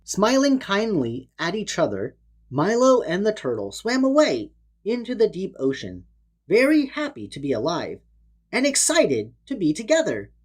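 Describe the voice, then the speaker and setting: Speaking at normal speed, a woman narrates a children's storybook aloud with dramatic, theatrical flair. Her husky, mid-range voice swings hugely in pitch.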